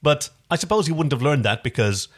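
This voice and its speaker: A man co-hosting a podcast, chatting casually about a TV series, talkative and quick to laugh. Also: medium pitch, animated, slightly rough. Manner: chatty, hesitant restarts, laughs easily. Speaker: podcast co-host. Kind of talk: casual chat reviewing a TV series.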